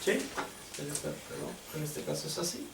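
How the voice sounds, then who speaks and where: A man teaching a classroom lesson, slow and patient, often checking whether the class understands. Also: a little high, expressive, vocal fry. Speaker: Hebrew teacher. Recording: echoey room, distant mic, faint hiss.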